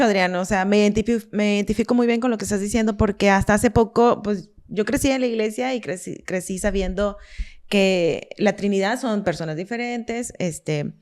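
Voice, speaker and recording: A woman's voice: mid-range voice, normal speed. A woman co-hosting a casual religious discussion, agreeing often and using many fillers. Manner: warm agreeing, frequent fillers. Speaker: podcast co-host.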